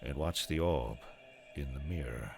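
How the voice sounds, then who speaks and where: Male narrator, very low voice, slow and dramatic, music bed behind. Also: vocal fry. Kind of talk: scripted documentary narration. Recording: voice-over with loud music.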